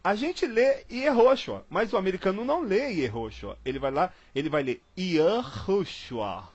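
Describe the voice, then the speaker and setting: A man's voice: high-pitched, sing-song, brisk, muffled recording. A man from Brazil leading an informal Bible study, chatty and repetitive, spelling words out letter by letter. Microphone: online call.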